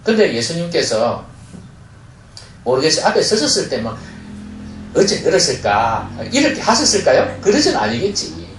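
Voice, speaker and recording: A man's voice: a little high, sing-song, fairly quick, slight background noise. A male pastor preaching a sermon in a church, earnestly putting questions to the congregation. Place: church sanctuary. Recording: echoey church hall, mic far off.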